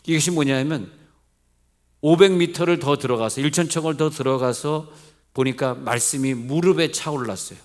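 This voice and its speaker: A man's voice: on the high side, normal speed. A middle-aged male pastor with a Seoul accent, preaching a midweek church sermon in a conversational way, asking his congregation questions and joking lightly. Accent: Seoul Korean. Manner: mixes polite and plain speech, jokes lightly. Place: church sanctuary.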